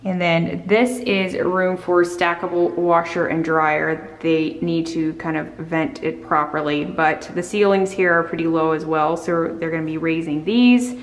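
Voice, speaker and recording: A woman's voice: sits low, steady tone, measured pace, few pauses. A woman giving an upbeat, casual walkthrough of an empty condo, her voice echoing off bare walls. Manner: chatty, upbeat, loose with fillers. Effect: echoey empty room. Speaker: home renovation vlogger.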